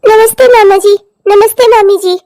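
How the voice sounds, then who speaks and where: A woman's voice: very high-pitched, fairly even intonation, normal speed, dark tone, no room sound, clean studio sound. A woman voicing a polite, dutiful young daughter-in-law in a cartoon, speaking sweetly and respectfully.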